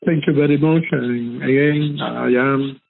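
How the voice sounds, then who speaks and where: A male interview guest speaks formally and graciously, thanking people often, over a tinny phone line. His mid-range voice is fairly even in intonation, a little slow, and carries vocal fry.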